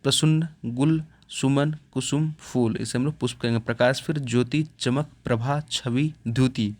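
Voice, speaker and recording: A man's voice: medium pitch, no echo. Man teaching from a word list. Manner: steady listing, pausing after each word. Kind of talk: reading out a word list in a lesson.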